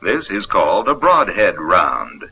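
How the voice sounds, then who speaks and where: With a gravelly low voice and wildly swooping pitch, an American man unhurriedly narrates a 1970s instructional film. His scripted delivery is folksy, cheerful, and explanatory, and the vintage 16mm soundtrack is dull and noisy.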